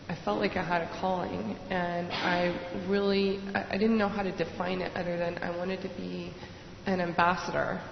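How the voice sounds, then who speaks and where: A woman from Hong Kong speaks at a panel event in a low, gravelly, flat voice. She tells her story reflectively, with frequent fillers. The sound is dull and echoes through a hall. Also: a little hiss or hum.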